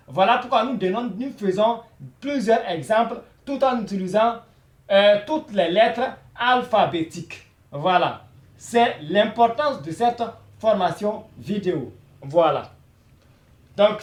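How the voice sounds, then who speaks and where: A man leads a beginner language lesson in a fairly high voice. He speaks slowly, drilling each word over and over and checking in after almost every phrase. The room gives his voice a noticeable echo. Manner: repetitive, drills each word with frequent "voilà" and "hein?". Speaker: Arabic teacher. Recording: echoey room.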